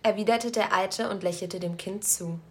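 A woman narrating a story aloud in a calm, measured storytelling voice. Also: medium pitch. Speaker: story reader.

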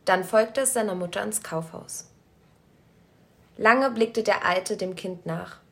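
A woman narrating a story aloud in a calm, measured storytelling voice. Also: medium pitch, gravelly. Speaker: story reader.

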